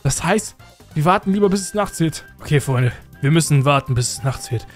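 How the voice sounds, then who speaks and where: A man hosting a Minecraft role-play let's play, talking excitedly and constantly to his viewers. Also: a little high, a little fast, soft background music. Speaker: host.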